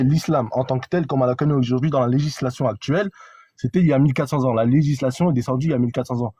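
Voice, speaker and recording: Husky, dark-voiced man arguing insistently. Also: medium pitch, no room sound. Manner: insistent, lecturing, repeats himself. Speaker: caller in a debate. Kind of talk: heated live debate.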